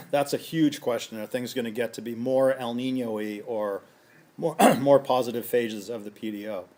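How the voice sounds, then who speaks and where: A scientist giving a lecture, a man whose voice is going hoarse and who keeps clearing his throat as he works methodically through a series of questions. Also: mid-range voice, fairly even intonation, normal speed, darkish tone. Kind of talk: conference lecture.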